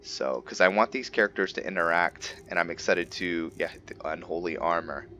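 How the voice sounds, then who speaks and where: A gaming video host speaks at normal speed in a low, pushed, bright voice. His commentary is casual and improvised, tentative musings directed at himself. The audio is muffled and has clear background noise.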